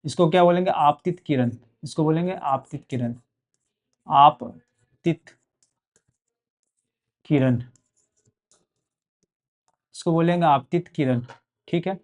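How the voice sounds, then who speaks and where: A man's voice: on the high side, normal speed, long pauses, darkish tone. A young man with a Bihari Hindi accent teaching a board exam physics lesson, repeating key terms and checking in often with "okay". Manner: repetitive, drills key words, frequent "ठीक है".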